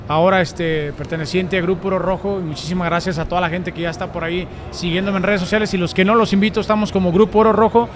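A man's voice: high-pitched, fairly even intonation, fast talker, few pauses. A thirty-year-old man with a Mexican accent, chatting casually and slangily as an interview guest. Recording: noisy outdoor urban event.

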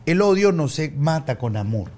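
Guy on a podcast, lively storyteller, does little voices, a bit higher pitched. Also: moderate pace. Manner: animated storyteller, acts out quoted voices. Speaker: guest. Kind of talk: casual podcast conversation. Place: recording studio.

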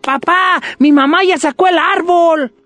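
A storyteller doing excited little kids. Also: high-pitched, slow, no room sound, pitched above the performer's own voice. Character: eager excited young children.

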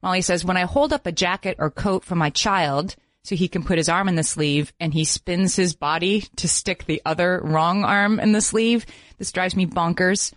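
A woman co-hosts a podcast in relaxed, casual chat. Her voice is slightly low, and the sound is dry and close. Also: normal speed, no echo. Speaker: podcast co-host.

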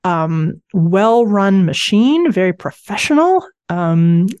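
A woman's voice: mid-range voice, sing-song, slow pace, a little mellow, smooth. A woman podcast host chatting casually and looking back in a conversational way. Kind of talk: casual reminiscing podcast chat.

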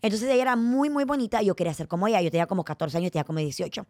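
Fast-talking young woman. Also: mid-range voice, no echo, studio quality. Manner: lively, fast-talking, playful storyteller. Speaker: podcast host. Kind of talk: casual chat.

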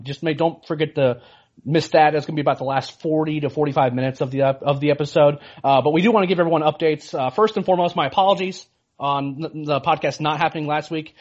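A man hosting a sports podcast in casual chat, rambling with lots of fillers and restarts. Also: on the high side. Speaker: podcast host. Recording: dull lo-fi sound.

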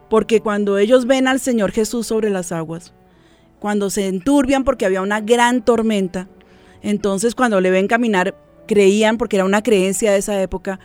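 A woman, a guest on a program, giving an earnest, reflective personal faith testimony and sometimes dropping to a soft voice. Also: medium pitch.

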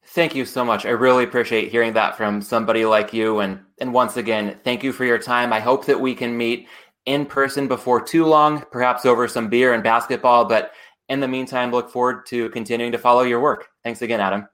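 A man's voice: mid-range voice, fairly even intonation, brisk, a bit bright. A man hosting a podcast interview, thanking his guest and reading a friendly outro. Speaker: podcast host.

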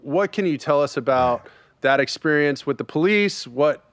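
A man's voice: on the high side, animated, normal speed, no room sound. A man hosting a casual podcast interview, asking questions in a chatty, upbeat way. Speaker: podcast host.

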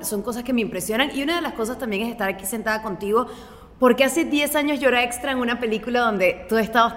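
A Venezuelan-accented woman in her late twenties talks as an interview guest, loose and chatty with plenty of filler words. Her voice sits at an ordinary middle pitch. A long reverb trails behind her. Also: fairly bright tone. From Maracaibo, Venezuela. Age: late 20s. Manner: chatty, leans on "o sea, como que" fillers. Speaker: guest, blogger. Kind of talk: casual interview chat.

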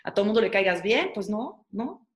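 A woman's voice: medium pitch, very animated, brisk. A woman chef in her forties telling her story in a casual interview, chatty, with many fillers and restarts.

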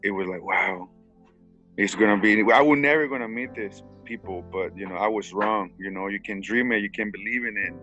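Mexican man, halting and low-voiced. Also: sharp tone, dull audio, faint music behind. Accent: Mexican Spanish. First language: Spanish. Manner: halting, with many restarts and repeated words. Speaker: hat maker. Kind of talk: interview, telling his life story.

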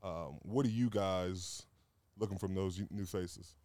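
A man's voice: low voice, a little slow, a little mellow, no room sound. A man hosting a podcast, asking questions in a casual, hesitant way. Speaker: podcast host.

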